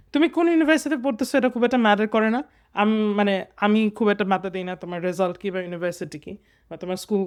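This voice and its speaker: A young man in his twenties with a Bangladeshi accent, tutoring students in English grammar. He talks patiently and reads sentences in small pieces, mixing English words into his explanations. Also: high voice. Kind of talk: casual exam lesson.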